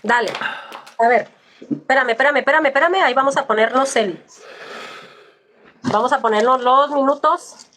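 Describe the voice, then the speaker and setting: Firm high-voiced woman debating. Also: normal speed, long pauses, fairly bright tone, slight background noise. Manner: firm, addresses opponent directly, teasing. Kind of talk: heated online debate.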